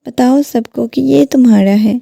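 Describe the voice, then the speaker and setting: A woman voicing a furious middle-aged father who scolds sternly, in a creaky voice. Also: on the high side, dark tone, no room sound.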